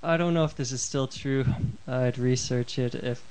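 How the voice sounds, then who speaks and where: A man's voice: mid-range voice, moderate pace, darkish tone, clean tone, poor audio. A man recalling something he read in a casual chat, hesitant and rambling.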